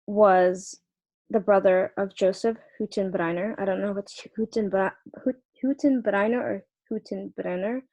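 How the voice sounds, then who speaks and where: A woman's voice: medium pitch, darkish tone, highs cut off. A young woman presenting a student research project, talking with many fillers, restarts and stumbles over names.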